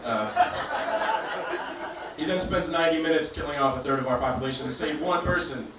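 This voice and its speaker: A man from Albania doing a stand-up comedy set in a club with a deadpan, self-deprecating delivery. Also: on the high side, a little fast, heavy reverb, far from the mic, background noise. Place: comedy club stage, performing to a live audience.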